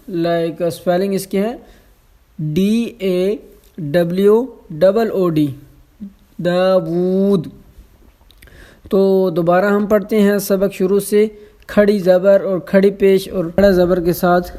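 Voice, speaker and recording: Mellow, flat-voiced reading tutor. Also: medium pitch. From Pakistan. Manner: spells out syllables, then stretches out the joined words; mixes English words into explanations. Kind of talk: recorded reading lesson.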